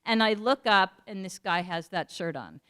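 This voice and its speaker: A woman giving a community talk, earnest and searching for words with fillers and pauses. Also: medium pitch, pushed and bright, smooth. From United States. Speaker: panel speaker.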